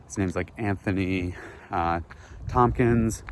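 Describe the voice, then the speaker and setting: Low voice guy vlogging on a walk, dry rambly deadpan, bit of outdoor noise. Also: slow pace. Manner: rambling, many fillers, dry. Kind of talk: deadpan satirical vlog. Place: outdoors, walking a neighborhood.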